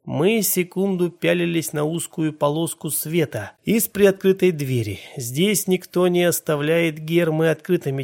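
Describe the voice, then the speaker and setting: A man reading a first-person horror story in a tense, grim manner. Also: on the high side. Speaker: narrator.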